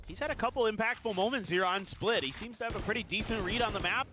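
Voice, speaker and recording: A man's voice: high-pitched, fast. A man giving conversational esports commentary as an analyst caster, explaining plays and directly addressing the listener. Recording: game noise, gunfire and clicks behind. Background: video game gunfire.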